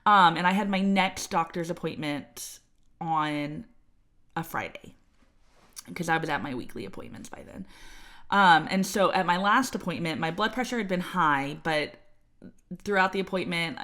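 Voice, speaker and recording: Chatting casually as a podcast co-host, a woman recounts her birth story with plenty of fillers and voices she quotes. She has a low-pitched, slightly bright voice and a moderate pace.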